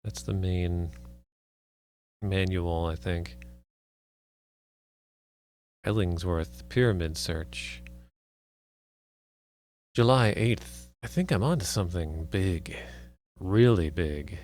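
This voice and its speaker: A man's voice: sits low, takes it slowly, long pauses, slight background noise. A man live-streaming a game, chatting casually with viewers and reading game text aloud in a plain voice. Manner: chatty, asks viewers for feedback. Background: soft background music.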